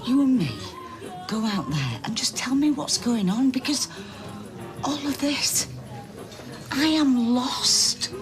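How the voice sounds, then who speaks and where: A woman's voice: a little high, animated, takes it slowly, pauses often, over music. An actress playing an exasperated but caring woman in a naturalistic TV soap, with a pleading, emotional manner.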